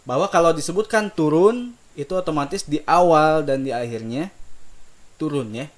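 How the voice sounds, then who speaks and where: In a relaxed teaching session, a man whose voice sits a little high walks students through melodic recitation note by note. His explanations are unhurried, his sung demonstrations slow and drawn out, and his soft asides kindly encouraging.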